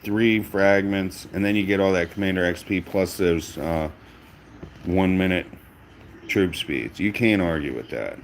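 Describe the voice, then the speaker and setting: A man giving casual, self-mocking commentary over a mobile strategy game he is playing, in a dry, monotone way. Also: sits low, unhurried, slight background noise. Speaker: gaming channel host.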